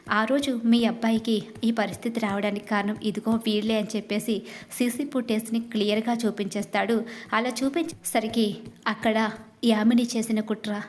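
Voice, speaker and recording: A woman narrating a recap of a TV serial episode, retelling scenes in long run-on sentences and reading the characters' dialogue in her own voice. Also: medium pitch.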